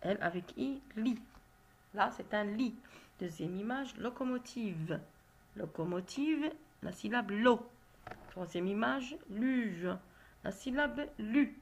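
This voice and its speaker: Slow, careful woman teacher. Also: mid-range voice, expressive. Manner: slow, careful, spells out syllables. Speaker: primary school teacher. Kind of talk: reading lesson, exercise correction.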